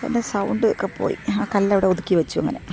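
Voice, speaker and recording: A woman walking a rural path on a casual vlog, hoarse from losing her voice, chatty and rambling as she repeats herself. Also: medium pitch, fast talker, mellow, slight background noise. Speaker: vlogger. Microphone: phone front camera at arm's length.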